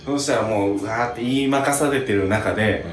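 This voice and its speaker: A man's voice: on the low side, brisk, reverberant. A young man casually telling a long, funny story on a podcast, acting out quotes and laughing often. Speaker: podcast co-host.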